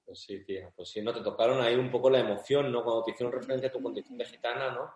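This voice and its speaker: Brief: man hosting a live-stream interview, mid-pitched, casual, echoey room. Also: fairly even intonation, very fast, darkish tone. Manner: casual, keeps adding tag questions. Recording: roomy echo.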